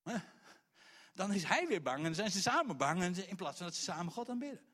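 A male preacher, telling a story in a lively sermon and swinging between hushed and loud delivery with stammering restarts. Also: high voice, fast talker.

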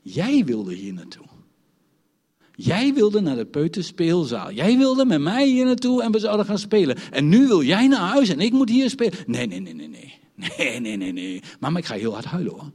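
A man's voice: fairly high pitch, very animated, normal speed, a little mellow, slightly rough, heavily acted. A man voicing a frightened small boy who pleads and protests to his mother, repeating "mam". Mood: protesting. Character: small boy, frightened and whiny, clinging to mom.

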